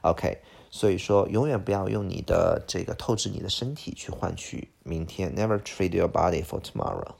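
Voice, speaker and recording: A man with a gravelly, husky voice, a native Chinese speaker, teaching a vocabulary lesson. He explains each word, repeats its pronunciation, and often says "OK". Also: deep voice, normal speed, hardly any pauses, darkish tone.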